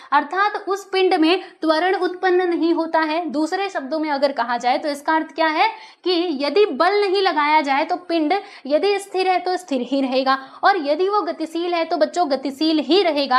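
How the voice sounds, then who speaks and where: High-voiced woman teaching a school lesson. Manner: asks questions and answers them, checks in with "right?"; addresses listeners as dear children.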